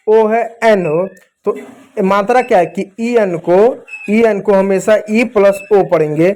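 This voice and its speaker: A man teaching English reading to children, asking and answering his own questions and spelling out letters slowly. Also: high-pitched, darkish tone. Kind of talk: spoken phonics lesson for children.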